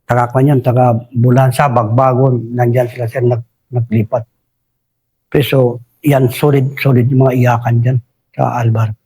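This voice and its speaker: A man's voice: medium pitch, flat delivery, moderate pace, dark tone, slightly rough. A man from Basilan recounts his time as a soldier, deferential and full of restarts. He keeps calling the host "Sir" as he talks. His voice sits in an ordinary middle range. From Basilan, Philippines. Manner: respectful, says "Sir" constantly, rambling with restarts. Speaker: retired soldier guest. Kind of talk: casual war storytelling.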